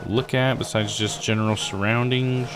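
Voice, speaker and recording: Over game music, a male streamer gives casual let's play commentary, thinking out loud in folksy, slangy phrases. His voice is lowish with fairly even intonation, at a normal speed.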